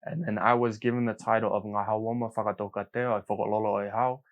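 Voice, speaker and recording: Upbeat young man with a low voice. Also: flat delivery, quick pace, phone-quality sound. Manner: upbeat, joking, with slang. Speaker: podcast co-host. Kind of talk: casual podcast chat.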